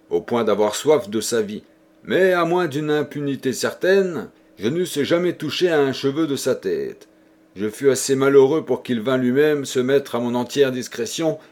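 A somber, guilt-ridden man confesses a murder in a grave, measured voice, as an audiobook reader puts him on. His pitch sits mid-range for a man, steady and unhurried. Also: lightly acted. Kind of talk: audiobook reading.

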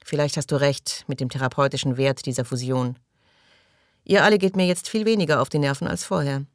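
A man's voice: on the high side, fairly even intonation, brisk, no echo, close to an everyday voice. A man voicing a weary, sardonic male crewman with a dry, cutting manner.

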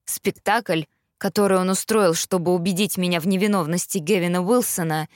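A stern, protective police father, as a woman narrator puts him on. The voice is lowered, and he speaks firmly with a tired weight. The sound is dry and close. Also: fairly even intonation, brisk, dry recording, natural voice. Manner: firm and weary.

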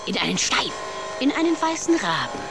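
A woman's voice: medium pitch, very animated, fairly quick, loud music behind the voice. An actress playing a cruel, greedy, half-blind old witch in a radio play, cackling and taunting, sometimes dropping to sly whispers.

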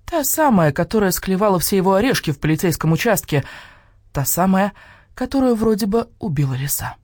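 A woman's voice: mid-range voice, big pitch swings, a little fast, a little mellow, no room sound, studio quality. A woman narrating a children's audiobook in a playful, storytelling manner.

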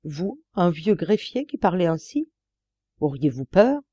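A woman reading the part of a stern middle-aged male investigating judge, grave and deliberate. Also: fairly low pitch, big pitch swings, warm tone, slightly rough, no echo, highs cut off, heavily acted. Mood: gentle.

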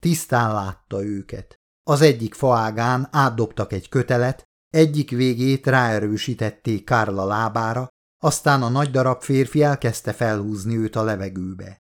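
A man reading a horror novel aloud as an audiobook narrator, steady and measured. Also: medium pitch.

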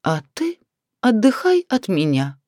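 A woman's voice: medium pitch, huge pitch swings, a little slow, dark tone, no room sound, studio quality, voice pushed up. A woman reading the part of an irritable clairvoyant wife who scolds her husband. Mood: cold, tired. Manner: indignant, reproachful.

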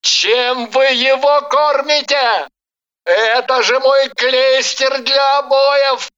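A woman voicing an irritable young man who keeps shouting in exasperation, in a story reading. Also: high-pitched, fairly even intonation, slow, clear, resonant tone, muffled recording, pitched above the performer's own voice. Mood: exasperated.

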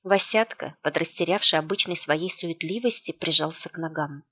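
A woman reading an audiobook aloud, with a hushed, tense delivery and light character voicing. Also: sits low, normal speed, breathy edge. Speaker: audiobook narrator.

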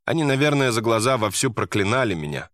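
A man's voice: medium pitch, big pitch swings, fast, a bit bright, no echo. A man voicing a self-assured female theatre director who talks in a wry, self-mocking way. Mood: warm.

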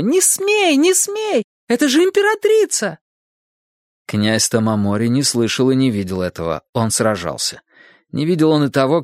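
A man narrating a history audiobook in a measured, dramatic storytelling manner. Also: mid-range voice, no echo, clean studio sound.

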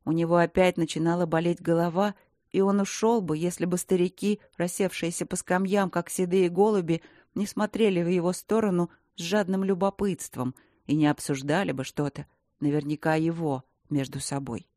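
A woman with a fairly low voice narrates a fantasy audiobook in a steady, expressive storytelling manner. The recording is dry and close, with no room sound. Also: moderate pace, dry recording.

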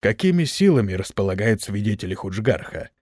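A man's voice: very animated, a little mellow, no room sound, clean studio sound. A man doing a commanding orc khan. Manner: low, grumbling, measured. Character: weighty male orc great khan, cautious and commanding. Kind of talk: audiobook character reading.

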